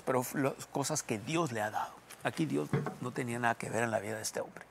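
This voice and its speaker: A male pastor preaching a sermon in an animated way, acting out inner voices and often repeating words. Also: on the high side.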